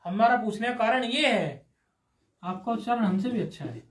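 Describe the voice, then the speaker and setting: High-voiced man teaching Sanskrit grammar. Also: expressive, moderate pace. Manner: patient, explains step by step, questions students. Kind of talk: live classroom lesson. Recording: roomy echoey room.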